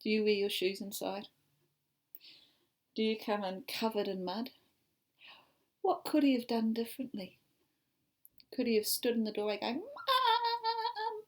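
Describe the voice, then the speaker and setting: A woman's voice: mid-range voice, fairly even intonation, normal speed, pauses often. A woman, an ESOL teacher reading a picture book aloud and asking her students questions about it. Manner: warm questioning, asks the class about the pictures.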